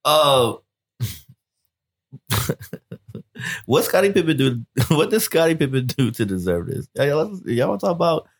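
A man hosting a casual chat, talking in a lively way and jumping up in pitch when surprised. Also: a little slow, pauses often.

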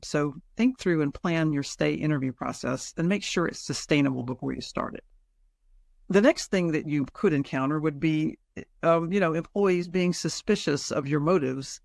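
A man's voice: a little high, creaky, no echo, studio quality. A man hosting a podcast, giving semi-scripted practical advice. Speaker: podcast host.

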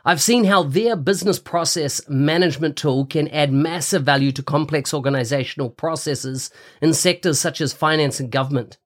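Upbeat man hosting a podcast. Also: a little high. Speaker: podcast host. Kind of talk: podcast interview.

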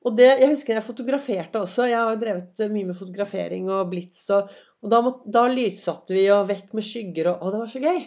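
A woman hosting a podcast in a chatty, encouraging motivational monologue, her voice slightly hoarse and her throat often cleared, with many fillers. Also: medium pitch, darkish tone. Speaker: podcast host. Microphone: semi-pro recording setup.

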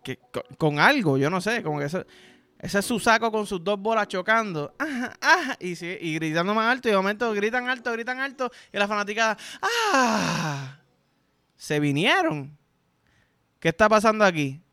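A man's voice: sits high, animated, a little fast, pushed and bright, clean tone, no room sound. A young Puerto Rican man hosting a podcast, rambling through vulgar comic stories with sound effects and frequent swearing. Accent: Puerto Rican Spanish. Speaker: podcast host. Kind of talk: crude comedic monologue.

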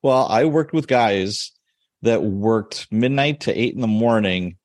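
A man's voice: fairly low pitch, takes it slowly, dry recording, studio quality. A man in his forties hosting a podcast, chatting casually and laughing often as he tells stories. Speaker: podcast host. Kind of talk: casual interview chat.

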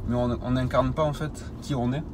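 A man with a southern French accent talks casually as a guest, at a middling pitch. His phrasing is exploratory and a little hesitant, and heavy vehicle noise surrounds him. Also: steady tone, fairly quick. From southern France. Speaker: interview guest, web marketing entrepreneur. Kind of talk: casual conversational interview. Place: inside a taxi. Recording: very noisy, inside a car.

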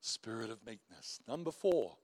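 With a lowish voice at a moderate pace and no echo, a big-voiced middle-aged pastor delivers a sermon. He tells animated stories, laughing at himself and adding warm asides.

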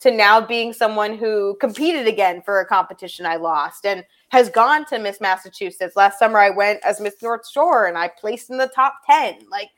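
A young woman in her twenties speaking as a guest in a casual interview. She tells her stories with energy, acts out what others said, and laughs often. Her voice sits at a middle pitch. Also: normal speed, hardly any pauses. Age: 20s. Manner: animated storyteller, acts out quotes, laughs often.

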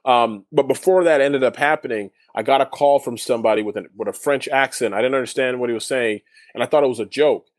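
Dude talking fast in an interview, lots of restarts, dry sound. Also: male voice, mid-range voice, no room sound. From Canada. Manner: rapid, rambling storyteller with frequent restarts. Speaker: guest, former overseas basketball player. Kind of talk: casual interview storytelling.

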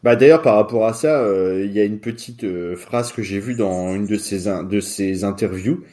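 A man's voice: fairly low pitch, normal speed, dark tone. A man co-hosting a casual chat, enthusiastic, often restarting his sentences. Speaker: podcast co-host. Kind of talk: casual chat about manga.

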